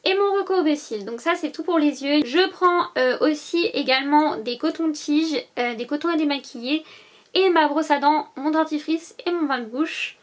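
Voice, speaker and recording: A woman's voice: high voice, normal speed. A woman vlogger talking casually to her viewers, listing items one by one with many hesitant fillers. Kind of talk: casual packing-list vlog.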